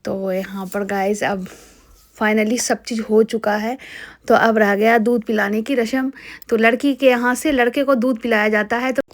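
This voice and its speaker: Chatty woman vlogger, fairly high. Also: fairly even intonation, moderate pace. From Bihar, India. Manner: chatty, explains customs step by step, addresses viewers as guys. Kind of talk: casual vlog voice-over.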